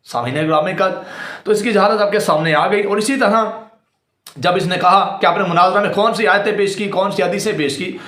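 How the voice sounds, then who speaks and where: A man's voice: high-pitched, fairly bright tone, echoey room. A man, a cleric and debater, giving polemical commentary to his audience in a scornful, repetitive, mocking way.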